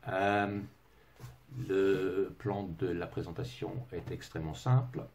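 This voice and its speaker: A man's voice: low-pitched, flat delivery, takes it slowly, darkish tone, a little hiss or hum. A middle-aged man with an English accent, speaking French as a second language, gives a webinar presentation as a consultant. He talks hesitantly, with many filler sounds and restarts, and slips in dry, self-mocking humor. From England.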